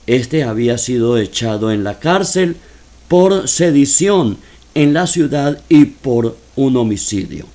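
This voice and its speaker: A man preaching a sermon, reading scripture slowly and explaining it to his listeners, whom he calls dear friends. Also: medium pitch, expressive, dark tone. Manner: slow deliberate reading with emphatic rises.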